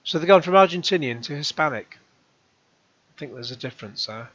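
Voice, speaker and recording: Sarcastic hoarse middle-aged man. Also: fairly high pitch, expressive, a little fast, fairly bright tone, dry recording, muffled recording. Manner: sarcastic, rambling, with asides. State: hoarse, coughing. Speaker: YouTube channel host. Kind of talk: reading and rebutting comments.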